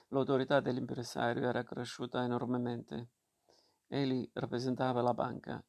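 A man reading a novel aloud as narrator, steady and measured, with occasional slips. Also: medium pitch, creaky.

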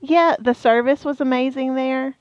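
A woman's voice: sits high, steady tone, moderate pace, no echo, highs cut off. A woman co-hosting a casual podcast chat, talking freely with many fillers and restarts. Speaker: co-host of a theme park podcast.

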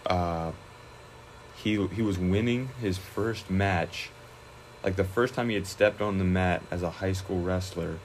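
A young man, a high school wrestler, chatting casually in an interview, relaxed and rambling with many fillers and restarts. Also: a little slow, slight background noise, low-quality recording.

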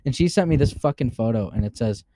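A man's voice: mid-range voice, expressive, fast talker, warm tone, dry recording. A man co-hosting a casual podcast, talking loosely and swearing a lot between laughs. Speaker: podcast co-host. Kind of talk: casual profane podcast chat.

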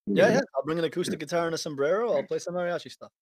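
A man hosting a podcast in casual chat, relaxed and rambling, chuckling often. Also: a little high, racing, no room sound. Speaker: podcast host.

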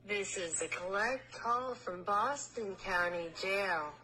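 Slow, bright automated collect-call operator woman. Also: medium pitch, a little hiss or hum. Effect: automated collect-call message over a phone line. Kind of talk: recorded phone prompt.

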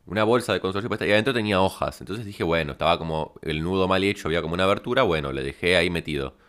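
A man with a Rioplatense Spanish accent telling a rambling comic story in a deadpan way. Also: sits low, racing. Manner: deadpan, rambling, absurd tangents. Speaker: podcast host.

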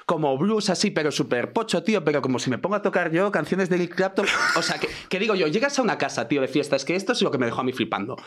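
A man's voice: fairly high pitch, racing, few pauses, noisy background. A young man with a Spanish accent from Spain, telling a party story in a casual, slangy way among friends. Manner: animated anecdote teller, slangy.

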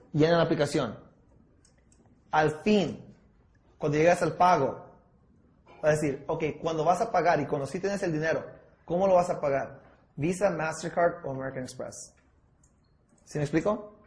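High-voiced energetic male sales trainer. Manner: energetic, coaching, mixes English words into Spanish. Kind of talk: sales training talk with role-play. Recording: echoey room.

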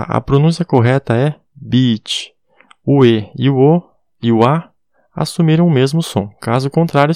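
Male teacher, casual audio lesson, spells words slowly, gravelly voice, middle pitch. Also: warm tone, no room sound, clean studio sound. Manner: spells words letter by letter, says "tá bom?" often. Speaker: English teacher.

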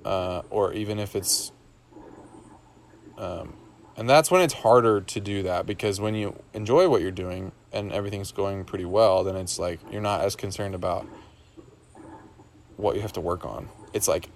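A man's voice: low-pitched, normal speed, vocal fry, slight background noise. A young man in casual podcast chat, thinking aloud and rambling with many fillers and restarts.

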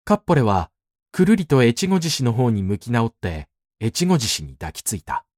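Casting: male narrator of a classic novel, measured delivery, lively pitch, dry close mic. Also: dry recording.

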